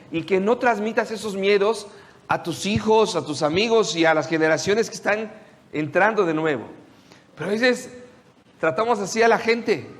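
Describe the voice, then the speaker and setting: A man preaching a sermon, retelling the story with lively questions to his listeners. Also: high voice, big-room sound. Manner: animated storytelling, asks the audience questions.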